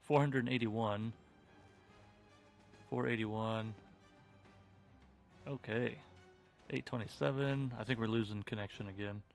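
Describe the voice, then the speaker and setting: A man's voice: fairly low pitch, steady tone, slow, creaky, long pauses, faint music behind. A man running a tabletop game as game master over a voice call, talking casually and laughing easily. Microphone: home computer mic on a voice call.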